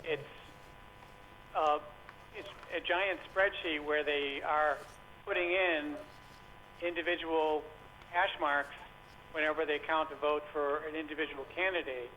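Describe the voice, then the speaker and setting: Male caller on a landline phone, slightly higher voice, casual and halting delivery, muffled lo-fi sound. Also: steady tone, pushed and bright. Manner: casual, hesitant, with many pauses and fillers. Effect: over a landline phone. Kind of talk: phone-in talk show call. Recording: dull lo-fi phone line with faint hiss.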